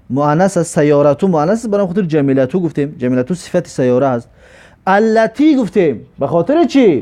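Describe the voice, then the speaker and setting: A man with a high-sitting, warm voice teaches an Arabic grammar lesson step by step. He poses questions and answers them himself, reading the example sentences slowly.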